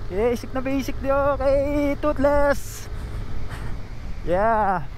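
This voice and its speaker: A man's voice: very high voice, very slow, a little hiss or hum. A Filipino man giving casual, exclamatory commentary in short bursts as he rides a motorcycle outdoors. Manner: exclamatory, talking in short bursts while riding. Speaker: motorcycle vlogger. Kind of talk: casual ride commentary to viewers and riding companions.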